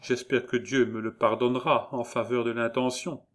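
A man reading the part of a timid young working-class seamstress in an audiobook, with a high, fretful, pleading delivery. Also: little pitch movement, normal speed, close to an everyday voice. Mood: anxious.

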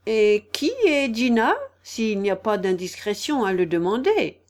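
A woman's voice: medium pitch, lively intonation, a little slow, darkish tone, close to an everyday voice. A woman voicing a courteous, curious lory bird. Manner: sighing, courteous.

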